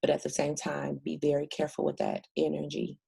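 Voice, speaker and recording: A woman's voice: sits low, completely flat delivery, brisk, vocal fry, mellow, breathy edge, low-quality recording. A woman giving a casual spiritual reading to camera, blunt and profane, with many fillers. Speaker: spiritual reader.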